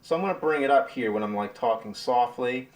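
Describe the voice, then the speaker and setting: A relaxed man giving a casual behind-the-scenes walkthrough of his editing process. He rambles loosely and leans on fillers as he goes, at an ordinary, mid-range pitch. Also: brisk. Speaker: video creator explaining his editing.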